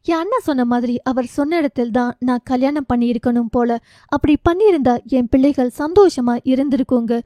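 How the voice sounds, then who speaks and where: A bitter, hurt wife and mother, voiced by a woman reading a novel aloud from an audiobook. Her tone is high and mellow, and she voices her grievances with a slow, reproachful weight. The sound is dry and close. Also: no echo, natural voice.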